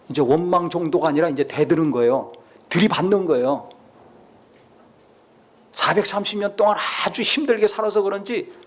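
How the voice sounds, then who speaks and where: A male pastor preaching a sermon, full of rhetorical questions and acted-out scenes. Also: high voice.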